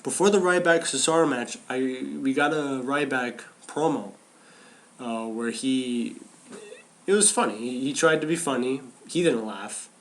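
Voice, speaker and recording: Co-hosting a podcast, a man with a mid-range, slightly bright voice chats animatedly and casually about wrestling at a measured pace. He frequently restarts and repeats himself.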